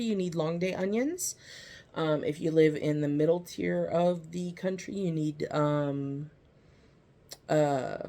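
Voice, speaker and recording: Slow-talking garden vlogger, lots of ums and sorry's, just chatting thru an unboxing. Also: mid-range voice. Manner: rambling, filler-heavy, apologetic asides; reads seed-packet descriptions aloud. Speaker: gardening video host. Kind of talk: casual unboxing and seed review.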